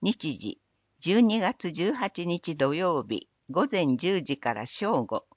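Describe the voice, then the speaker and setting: A woman reading municipal event announcements in a measured, even recital of dates, places and phone numbers. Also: lowish voice, husky, no room sound, dull audio. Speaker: city announcer. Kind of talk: scripted public announcement reading.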